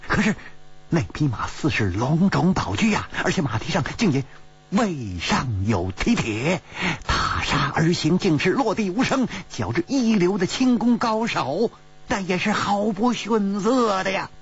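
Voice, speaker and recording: An eager, earnest young swordsman with a lifted, lively voice, as a male storyteller puts him on. He talks quickly and excitedly, on a dull, husky recording. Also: high voice, pitched above the performer's own voice, full character voice. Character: earnest male thief-hero reporting his scouting.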